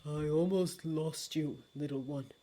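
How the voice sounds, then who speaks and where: A woman reading the part of a solemn immortal male lord of dreams, in a grave, formal, hushed manner. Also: low-pitched, fairly even intonation, moderate pace, voice pushed down. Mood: anguished.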